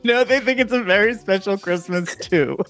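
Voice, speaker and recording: A man's voice: high voice, normal speed, fairly bright tone, soft background music. A man co-hosting a casual podcast, playfully reading quiz questions and laughing along. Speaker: podcast co-host. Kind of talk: casual chat.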